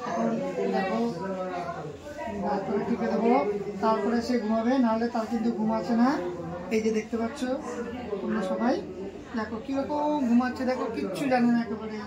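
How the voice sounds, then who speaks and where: A woman pet vlogger narrating casually to viewers, cooing at her dog in soft baby talk. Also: fairly high pitch, fairly even intonation, a little fast, pauses often, over a noisy crowd.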